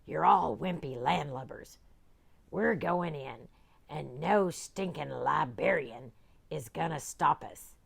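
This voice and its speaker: A woman doing a gravelly, bossy pirate captain who barks orders at his crew and blusters when cornered. His voice rolls through lively swings of pitch, unhurried and loud. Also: exaggerated voice. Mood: gruff. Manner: growly pirate talk, bluffing and blustering.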